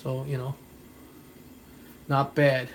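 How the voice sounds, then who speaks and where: A man's voice: mid-range voice, completely flat delivery, slow pace, creaky, a little hiss or hum. New York man rambling in a vlog. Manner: rambling, repeats himself, thanks viewers by name. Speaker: comic book collector vlogger. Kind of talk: casual vlog chat to viewers.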